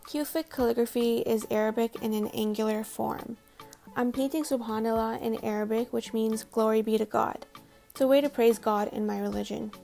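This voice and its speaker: The speaker is a DIY home makeover vlogger, a woman who first spoke Tamil, reading scripted narration at a normal speed. Her fairly high voice is creaky and dark in tone, with fairly even intonation, and she comes across as casual, chatty and self-deprecating over faint background music.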